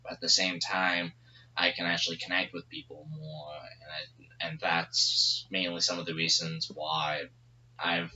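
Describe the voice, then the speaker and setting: A man's voice: low voice, flat delivery, unhurried, sharp tone, a little hiss or hum. A man co-hosting a casual gaming podcast, rambling and swearing freely, often restarting his sentences. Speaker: podcast co-host. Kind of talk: casual chat. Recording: dull lo-fi podcast audio.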